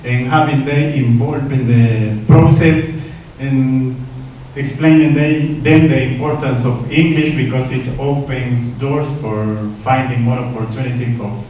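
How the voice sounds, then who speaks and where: A man, an English teacher giving a halting prepared presentation. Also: mid-range voice, fairly even intonation, warm tone, slight background noise. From Nicaragua. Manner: halting, searching for words. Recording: echoey room, far from mic.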